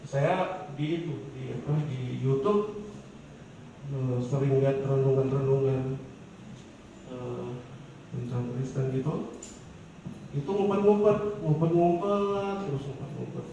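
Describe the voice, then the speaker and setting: A man from Bandung giving testimony in a casual interview, hesitant, repeating words and filling pauses. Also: medium pitch, steady tone, warm tone, dull audio. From Indonesia, Bandung. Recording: roomy echo from far off with faint noise.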